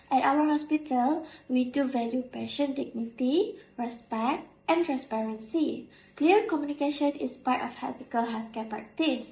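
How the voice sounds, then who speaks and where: A woman's voice: high voice, a little mellow. A young woman playing an empathetic hospital nurse in a scripted role-play, speaking with earnest, formal sympathy. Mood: reassuring, calm. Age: young adult. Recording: roomy echo.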